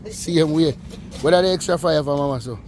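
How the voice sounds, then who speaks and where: A man with a Jamaican accent hosting an outdoor cooking vlog, chatting in relaxed patois and teasing playfully. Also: a little high, a little fast, slight background noise. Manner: laid-back patois banter, playful teasing. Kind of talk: casual outdoor cooking chat. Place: outdoors beside an open cooking fire.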